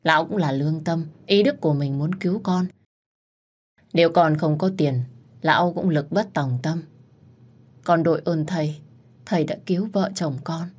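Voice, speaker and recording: A kindly old village healer speaks low and unhurried, voiced by a woman reading a storybook. His tone is gentle and fatherly, full of reassurance. The voice stays in a deep register throughout. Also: breathy edge. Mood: reassuring.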